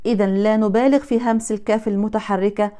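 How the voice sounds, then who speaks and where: A woman teaching Quran recitation, explaining in a measured way how each letter is pronounced and contrasting correct and incorrect forms. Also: mid-range voice, steady tone, warm tone, smooth. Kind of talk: Quran pronunciation lesson.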